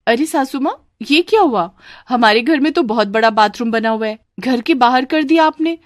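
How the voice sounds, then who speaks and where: Woman as a cheeky cartoon bride, higher voice, mocking sweetness, dry close sound. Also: expressive, no room sound, lightly acted. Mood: teasing. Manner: teasing, quick-witted back talk. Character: cheeky young newlywed daughter-in-law. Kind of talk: cartoon story voice acting.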